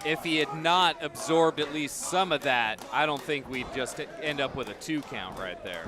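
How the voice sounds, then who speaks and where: Male wrestling color commentator, slightly high voice, casual analytical delivery, loud live crowd and noise behind. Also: moderate pace. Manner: explains strategy in casual, chatty phrasing. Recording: noisy live event, loud crowd around him. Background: crowd noise of a live wrestling event.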